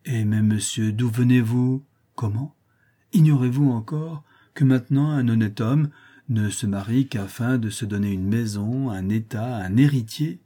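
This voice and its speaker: A man's voice: mid-range voice, unhurried, dark tone, lightly acted. A man reading aloud, voicing a witty, teasing aristocratic baroness in a period audiobook. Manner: playful, mocking, coquettish.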